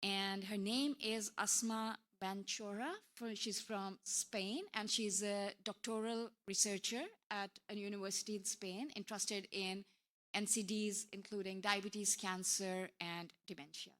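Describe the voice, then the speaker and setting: A woman's voice: medium pitch, flat delivery, unhurried, a bit bright. A woman from Pakistan moderating a conference session, introducing speakers in a friendly, loose way with fillers.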